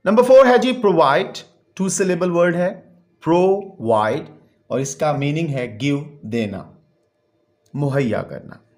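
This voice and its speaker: Male teacher, slightly high voice, slow and deliberate, reads English and translates. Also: a little mellow. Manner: reads English lines slowly, then translates them with formal Urdu vocabulary. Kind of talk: textbook lesson explanation.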